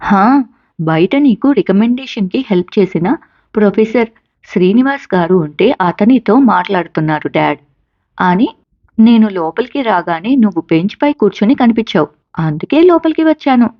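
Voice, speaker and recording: A woman's voice: mid-range voice, expressive, moderate pace, no room sound, muffled recording, natural voice. A woman voicing a caring mother who patiently encourages her college-age son. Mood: chatty. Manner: patient, coaxing, reassuring.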